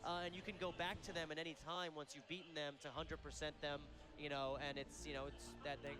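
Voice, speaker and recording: A man's voice: fairly high pitch, level tone, fairly quick. A man giving casual live commentary as a game developer showing off a demo, chatty, jokey and enthusiastic. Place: live convention stream.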